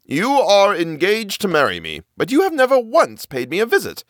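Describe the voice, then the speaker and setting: Sinister suitor, slow coaxing lines, raised pitch, read by a man. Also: wildly swooping pitch, fairly bright tone, no room sound, studio quality, exaggerated voice.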